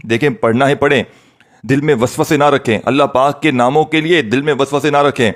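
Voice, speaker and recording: An earnest man preaching to his viewers with a mid-pitched voice. He keeps turning to address brothers and sisters and stresses each point through repetition. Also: fairly even intonation, a little fast. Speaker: spiritual teacher.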